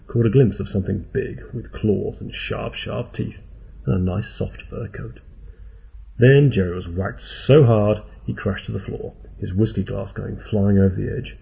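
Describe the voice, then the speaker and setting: A man's voice: lowish voice, creaky, breathy edge. A man narrating a story in a dry, wry way, in a tinny phone-like recording. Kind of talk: audiobook narration.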